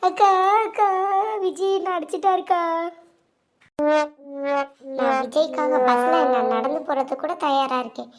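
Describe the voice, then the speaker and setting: A woman's voice: high-pitched, unhurried, pauses often, soft background music. A woman voicing a scheming, two-faced young woman in a cartoon, with sly gloating asides. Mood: scornful. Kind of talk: cartoon voice acting.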